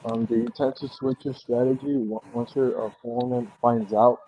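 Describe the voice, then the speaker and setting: A man's voice arrives muffled and dull, as though heard through a wall over a lo-fi call line, with a faint hiss underneath. He speaks at an ordinary middle pitch. He asks his questions haltingly, stumbling through fillers and restarts. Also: flat delivery. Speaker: co-host asking questions. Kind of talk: casual remote interview.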